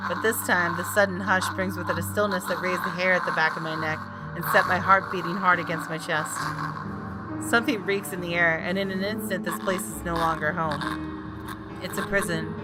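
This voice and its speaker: A gaming YouTuber with a fairly low voice and a moderate pace does a let's play, reading narration aloud dramatically. She's expressive and lets out jumpy exclamations between the lines. The recording is low quality, with game music playing beneath her voice.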